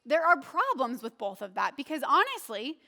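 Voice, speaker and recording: A woman's voice: high voice, big pitch swings, normal speed, pushed and bright. A woman pastor preaching a sermon in a conversational, earnest way, often asking the listeners questions.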